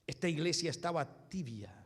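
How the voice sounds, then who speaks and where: A man, preaching a sermon as pastor, animated and sometimes shouting. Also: a little high, moderate pace. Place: church hall. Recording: long hall reverb.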